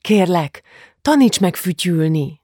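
A man's voice: fairly high pitch, sing-song, no echo, studio quality. A man voicing a young girl who pleads and sulks in a storybook reading. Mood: pleading. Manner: pleading, then sulky. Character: young girl, sulky and jealous.

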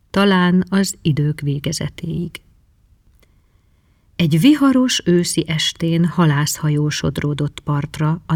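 A man's voice: on the high side, no echo, studio quality. Man reading a fairy-tale story. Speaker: narrator. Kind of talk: scripted storybook narration.

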